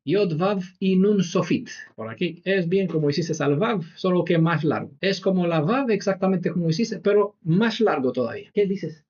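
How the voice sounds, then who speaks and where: A man's voice: high-pitched, lively intonation, moderate pace, few pauses, darkish tone, highs cut off. A man teaching a Bible study class in a room with a whiteboard. He explains step by step and keeps checking in with "¿vale?". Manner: explanatory, peppers sentences with "¿vale?".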